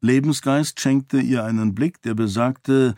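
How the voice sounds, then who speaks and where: Male audiobook narrator, steady and measured, mid-pitched voice, dry close sound. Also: no echo. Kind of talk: scripted narration.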